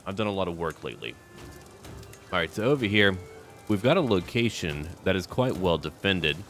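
Over faint background music, a man with a deep voice hosts a gaming video, roleplaying his way through a strategy game. He thinks aloud in short, clipped lines, his pitch moving animatedly at a normal speed with a bit of brightness.

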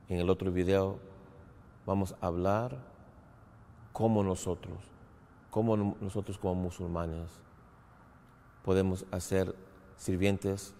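In a large empty hall with a banner, a man with a low, gravelly, dark voice delivers a short religious talk to camera. He talks slowly and haltingly, pausing between short phrases. A lapel mic picks him up as he stands, and the room's long reverb echoes around him.

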